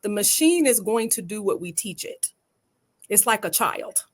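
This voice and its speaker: A woman's voice: medium pitch, lively intonation, unhurried. Emphatic Southern woman panelist. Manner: emphatic, folksy, uses rhetorical "right?". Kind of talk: panel discussion.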